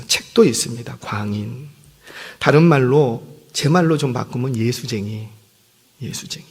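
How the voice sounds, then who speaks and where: Husky-voiced man preaching in a reverberant hall. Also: mid-range voice. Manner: conversational, animated storytelling with self-deprecating apologies. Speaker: senior pastor. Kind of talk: sermon. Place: church sanctuary.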